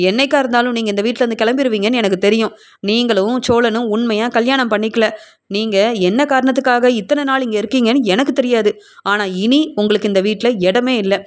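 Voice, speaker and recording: A bitter young woman who argues and accuses without letting up, her voice sitting a little high, as a woman reading aloud puts her on. She stays indignant and demanding the whole time. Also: natural voice. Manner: accusing, argumentative.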